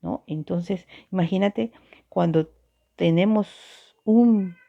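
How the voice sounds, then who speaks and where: A woman's voice: lowish voice, takes it slowly, gravelly. A woman teacher explaining storytelling in an online class, often checking in with her students through tag questions. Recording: dull lo-fi recording.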